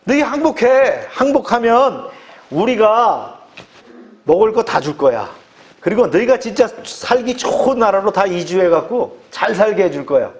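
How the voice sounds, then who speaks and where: Taunting enemy general, goading and smug, higher voice, done by a man mid-sermon. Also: big pitch swings, measured pace. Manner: mocking, goading.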